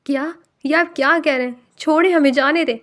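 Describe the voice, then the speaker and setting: A woman's voice: high voice, steady tone, lightly acted. A woman reading as a frightened tearful young woman. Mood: tearful pleading. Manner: pleading, crying.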